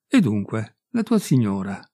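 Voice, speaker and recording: A shy, fussy man who fusses over his appearance and asks his questions hesitantly, as a male reader plays him. The voice is low and gravelly, recorded close and dry. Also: very animated, a little slow, warm tone, no room sound, heavily acted. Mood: timid. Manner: timid, hesitant. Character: timid, fussy man, vain about his looks.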